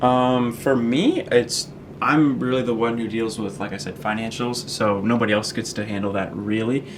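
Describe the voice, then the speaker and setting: A young man from Canada, a student managing editor answering interview questions in a relaxed, rambling way with many ums. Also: medium pitch, moderate pace, background noise. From Fredericton, Canada. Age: young adult.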